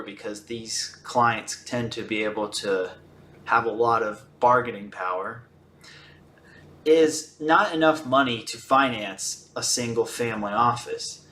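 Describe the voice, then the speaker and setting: A man with a mid-pitched voice gives a step-by-step explanation, measured and orderly. The recording is noticeably roomy, with echo around his words. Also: a bit bright. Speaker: video presenter on finance. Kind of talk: explanatory monologue. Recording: roomy, echoing sound.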